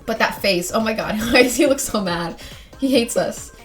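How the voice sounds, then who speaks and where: A young woman hosting a let's play of a dating game, chatty and excitable, often talking straight to the characters. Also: a little high, moderate pace, soft background music. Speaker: gaming channel host.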